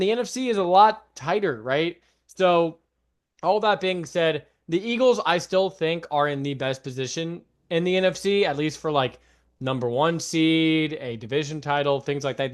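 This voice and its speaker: A young man co-hosts a sports podcast in casual, lively talk. His voice sits a touch high, and he breaks into loud mocking bursts when he imitates fans. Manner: animated, mocks fans in loud shouted bursts. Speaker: podcast co-host.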